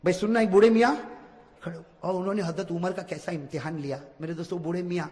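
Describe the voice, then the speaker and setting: A man preaching a religious sermon, emphatic, dropping to low asides and rising to shouts, calling on the audience to repeat after him. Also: fairly even intonation. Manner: addresses audience directly, asks them to repeat. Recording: reverberant hall.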